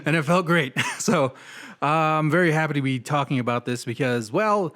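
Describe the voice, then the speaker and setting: A man's voice: a little high, normal speed. Laid-back young man hosting a podcast. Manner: relaxed, self-deprecating, frequent laughs and fillers. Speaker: podcast host. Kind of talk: casual movie review chat.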